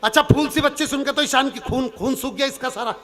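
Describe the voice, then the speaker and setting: A man telling a comic story on stage at a poetry gathering. He acts out the characters and shouts some of their lines. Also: very high voice, fast talker. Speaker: stage poet. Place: outdoor stage event with audience laughter.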